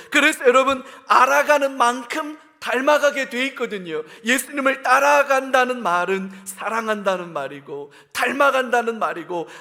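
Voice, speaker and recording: High-voiced bright preaching pastor. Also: male voice. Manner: swings between loud emphatic bursts and hushed, whispered asides; addresses the congregation directly with questions. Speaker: senior pastor. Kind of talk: sermon.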